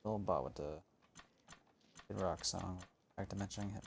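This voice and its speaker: A man's voice: deep voice, moderate pace, gravelly, slight background noise. A man streaming a game, thinking aloud and grumbling with frequent swearing. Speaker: gaming streamer. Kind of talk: casual gameplay commentary.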